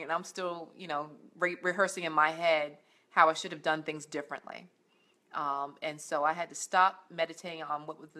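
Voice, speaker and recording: Her voice is deep, pushed and bright as this middle-aged woman, a life coach, speaks to the camera while sitting on a couch at home. She offers heartfelt, encouraging faith-based motivation, stumbling through many fillers and restarts.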